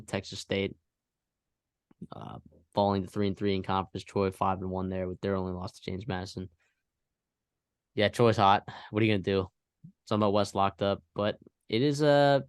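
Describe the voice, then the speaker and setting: A man's voice: fairly low pitch, dry recording, studio quality. A man co-hosting a college football podcast, talking casually and rambling through scores with fillers and restarts. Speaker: podcast co-host. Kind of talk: casual sports chat.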